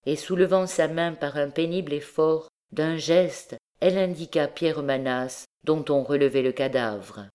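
Lady reading an audiobook, deep voice, steady dramatic narration. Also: measured pace, hardly any pauses. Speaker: audiobook reader. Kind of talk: scripted narration of a classic novel.

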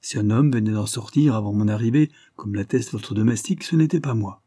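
A man voicing a proud young gentleman who is accused of a crime and answers in a calm, measured way, in an audiobook reading. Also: fairly low pitch, no room sound, studio quality, natural voice.

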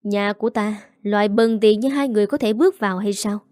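A woman's voice: mid-range voice, fairly quick, mellow, no room sound, studio quality, lightly acted. A woman doing a scornful, haughty matriarch. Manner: contemptuous, domineering. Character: cold, haughty rich matriarch, older woman.

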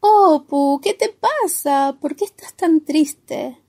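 A woman voicing a kind, calm friend character who speaks gently and soothingly, with an Argentine accent. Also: sits high, takes it slowly, full character voice.

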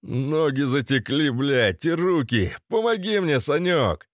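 A man's voice: fairly high pitch, animated, takes it slowly, dry recording, studio quality. Man voicing a crude, whiny fat buddy. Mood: complaining. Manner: coarse and complaining.

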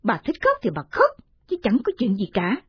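A woman's voice: fairly high pitch, lively intonation, normal speed, dull audio. A woman voicing a resentful young village wife who snaps curtly at her family, in a storybook reading. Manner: curt, snapping.

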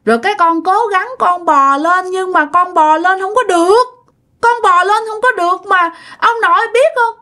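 A sulky little ghost child whines and pleads in a piping, very high voice, as a woman storyteller puts it on. The talk is clingy and reproachful, full of childish wheedling. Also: normal speed, sharp tone. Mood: plaintive.

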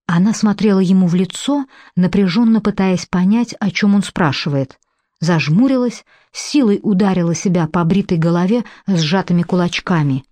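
Low, warm-voiced woman narrating. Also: moderate pace, no echo. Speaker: audiobook narrator. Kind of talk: scripted narration.

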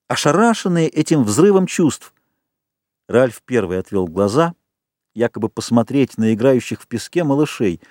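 Male audiobook reader, mid pitch, very lively intonation, dry booth sound. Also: no echo. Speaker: audiobook narrator. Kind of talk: scripted literary audiobook narration.

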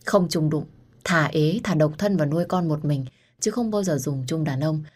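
A woman's voice: sits low, normal speed, darkish tone. A woman narrating an audio story and talking earnestly to her listeners as host. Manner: intimate, earnest, addresses listeners directly.

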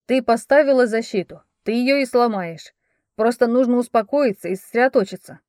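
A calm young prince, read by a woman in an audiobook. He speaks firmly and steadily, giving orders in a mellow, dry-sounding voice. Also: on the high side, brisk, no room sound, close to an everyday voice. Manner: firm, calming, instructing. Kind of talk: audiobook character voicing.

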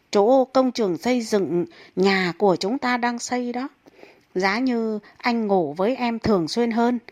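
A woman's voice: on the high side, darkish tone, dry recording. A woman doing a coy calculating rich wife.

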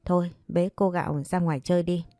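A woman's voice: fairly low pitch, little pitch movement, brisk, no echo, clean studio sound, soft background music, lightly acted. A woman voicing a jealous young mistress of a household who scolds and threatens her servant. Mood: scolding. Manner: scolding, threatening, sharp-tongued.

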